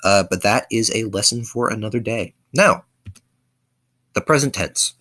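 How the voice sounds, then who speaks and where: A man's voice: lowish voice, moderate pace, pushed and bright. A man casually explaining his constructed language's verbs in a video lesson, hesitant, with frequent ums and self-corrections. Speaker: conlang teacher.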